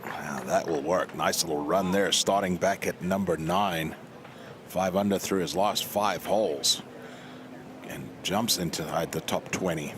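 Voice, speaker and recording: Deep-voiced male golf commentator, noisy background. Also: unhurried. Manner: conversational, informal.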